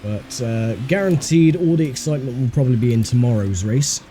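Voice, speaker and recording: Over racing game car sounds and faint engine noise, a sim racer hosts a video and casually narrates his own driving. His medium-pitched voice has a dark tone and moves a little fast.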